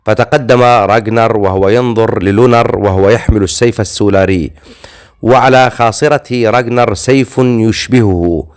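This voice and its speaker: A man narrating a dark fantasy novel as an audiobook, in a steady storytelling way with occasional slips. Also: fairly low pitch, normal speed, smooth.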